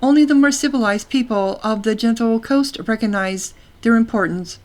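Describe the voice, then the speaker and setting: A woman's voice: fairly high pitch, moderate pace, a little mellow, a little hiss or hum, lightly acted. Woman voicing a stately matronly ruler. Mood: formal. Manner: formal, stately speech. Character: matronly female ruler, proud and dignified.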